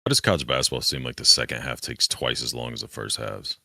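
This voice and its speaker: A man with a very deep, gravelly voice co-hosting a sports watch-along. His tone is bright and edgy, and he delivers dry teasing in a close, dry sound. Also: fairly even intonation, fast, dry recording. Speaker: podcast co-host. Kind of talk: casual watch-along chat.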